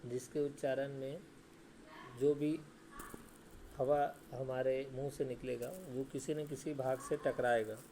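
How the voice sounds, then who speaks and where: Flat-voiced man teaching a grammar lesson. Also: mid-range voice, slow, a little hiss or hum. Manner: asks questions and answers them himself; repeats "ठीक है" and "है ना" often.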